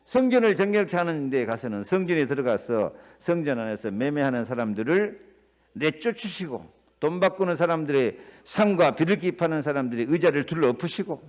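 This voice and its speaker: Animated preaching pastor, lively pitch. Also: male voice, brisk. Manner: preaching with rhetorical questions to the congregation; swings between loud declamation and quiet asides. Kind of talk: sermon.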